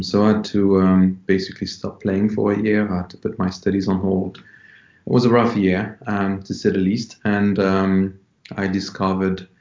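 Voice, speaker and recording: A man in his forties from France, speaking as an interview guest in a relaxed, unhurried way with many ums. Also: low-pitched. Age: 40s. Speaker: yoga teacher guest. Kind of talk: casual interview talk. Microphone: remote call. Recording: dull, roomy call audio.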